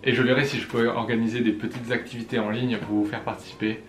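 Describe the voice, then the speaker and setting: Fast-talking, with a medium pitch that barely moves, a young adult Frenchman handles a casual Q&A for his viewers, alternating between French and Chinese. He's jokey and laughs at himself; the recording has room echo and soft background music.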